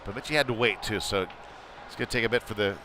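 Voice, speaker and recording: Talking fast in a low-leaning voice, a man gives informal play-by-play of an amateur hockey game against a noisy background. His tone is conversational, and he gets excited when the play heats up.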